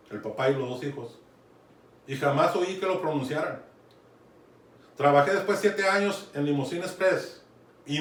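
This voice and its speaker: A man preaching a sermon in a conversational teaching manner, often checking in with his listeners. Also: on the high side. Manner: conversational teaching, keeps asking "¿sí?" and urging "fíjate bien". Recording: echoey room, mic far off, some noise.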